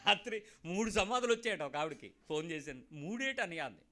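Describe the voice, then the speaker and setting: A man's voice: a little high, a little fast. A man preaching a sermon as pastor, joking and talking straight to the listeners, acting out the people he quotes. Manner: lively, joking, talks straight to listeners and acts out callers.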